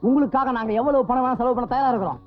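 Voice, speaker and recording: An actor playing a meek, apologetic kidnapper sidekick in a comic film, speaking in a pleading way. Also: male voice, very high voice, rapid-fire. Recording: dull lo-fi film audio, faint music.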